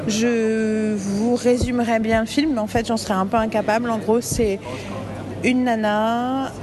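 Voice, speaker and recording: A woman's voice: on the high side, level tone, measured pace, a crowd in the background. A woman hosting a casual podcast, keeping her voice down as if not to disturb people nearby. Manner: hushed, keeping voice down. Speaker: podcast host. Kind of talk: casual spoken podcast introduction and film discussion. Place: waiting in a cinema queue.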